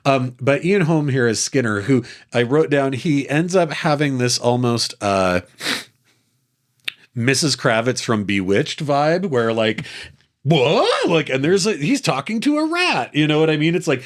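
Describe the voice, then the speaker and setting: A man's voice: medium pitch, unhurried. A man co-hosting a podcast, casually discussing a film and acting out quotes in playful voices. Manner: animated, acts out quotes in character voices. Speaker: podcast co-host.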